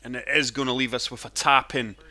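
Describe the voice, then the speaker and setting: Male gaming host, mid-pitched and bright, chesty and wheezy with a cold, casual golf play-by-play. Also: fairly even intonation, brisk. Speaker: gaming channel host and player. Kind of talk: casual golf game commentary.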